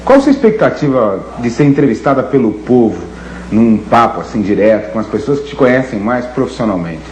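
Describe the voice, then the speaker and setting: A man interviewing a guest on television, asking formal broadcast questions in a measured, courteous manner. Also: mid-range voice, very animated, a little mellow, a little hiss or hum. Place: TV studio. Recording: echoey 1970s TV studio audio.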